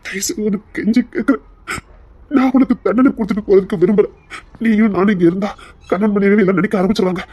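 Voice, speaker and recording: A man playing a rough but remorseful husband who earnestly begs his wife to leave, in an audio drama. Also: sits high, steady tone, fast, dark tone. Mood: pleading. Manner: earnest, pleading, sorrowful. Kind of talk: Tamil audio story acting.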